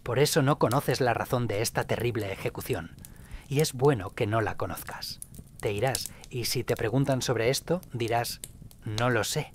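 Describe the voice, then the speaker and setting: A man voicing a wise old man who speaks gravely and like a father to a young stranger. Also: medium pitch, normal speed, a little hiss or hum, natural voice. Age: older.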